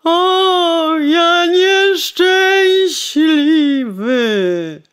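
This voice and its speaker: A woman voicing a wretched, unlucky male carter in a storybook reading, wailing in drawn-out laments. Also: high-pitched, big pitch swings, fairly bright tone, pitched above the performer's own voice, full character voice.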